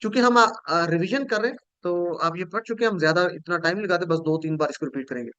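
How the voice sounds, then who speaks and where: A man's voice: sits high, fast, a bit bright, dry recording, dull audio. A man teaching an online Quranic Arabic grammar lesson in speech, patiently drilling word pairs and prompting students to repeat. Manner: patient, repetitive drilling with call-and-response prompts.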